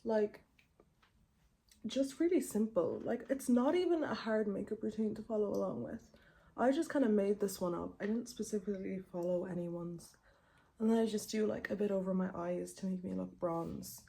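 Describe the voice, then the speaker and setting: A woman's voice: medium pitch, normal speed, gravelly, dark tone. A woman in her twenties chatting casually through a makeup tutorial, rambling informally, with a tongue piercing that clicks as she talks. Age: 20s. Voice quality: tongue piercing clicking faintly against teeth. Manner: informal, rambling, frequent filler "like". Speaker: beauty vlogger.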